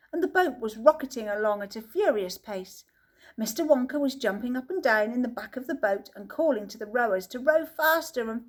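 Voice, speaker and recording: A woman narrating a children's book as an audiobook reader, telling the story in a lively way. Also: fairly high pitch.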